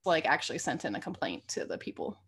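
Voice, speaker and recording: A woman's voice: low-pitched, very animated, fast, fairly bright tone, husky. A woman co-hosting a podcast, telling anecdotes casually in slangy, informal speech and acting out bits of dialogue. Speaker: podcast co-host.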